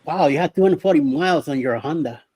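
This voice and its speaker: Middle-aged guy from miami on a live stream, kinda high voice, rambles with lots of uhs, says hi to viewers. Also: fast talker, darkish tone, slightly rough. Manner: rambling, hesitant with many fillers; greets viewers by name. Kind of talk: casual live chat.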